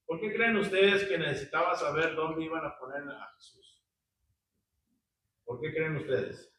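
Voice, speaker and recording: Reading scripture and questioning his listeners, this Bible study teacher speaks in an unhurried, pushed, bright voice on the high side. He keeps a conversational tone full of tag questions, heard distantly in an echoey room with slight background noise.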